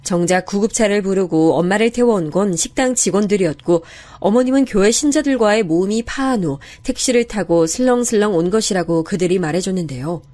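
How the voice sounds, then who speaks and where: A woman narrating a dramatic family story in the first person, in a soft, steady storytelling voice. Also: medium pitch, a little fast, few pauses.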